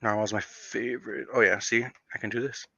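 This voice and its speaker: Man, casual stream host, rambling and excitable, dry dull lo-fi audio. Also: mid-range voice, normal speed, gravelly, no echo. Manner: rambling, excitable, heavy use of "like". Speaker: livestream host. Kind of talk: casual livestream chat.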